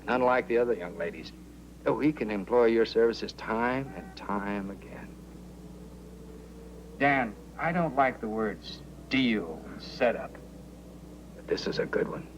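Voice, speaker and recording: An actor playing a smooth-talking male recruiter for a baby racket in a 1980s TV drama, speaking in a slow, persuasive manner. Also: mid-range voice, lo-fi sound, a little hiss or hum, natural voice. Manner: persuasive, oily, drawn-out.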